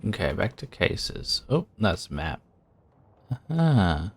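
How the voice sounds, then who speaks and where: A man's voice: low voice, very animated, slow pace, creaky, husky. A man casually commenting while playing a horror video game, muttering his thoughts aloud with a wry edge. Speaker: gaming channel host. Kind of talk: casual let's-play commentary.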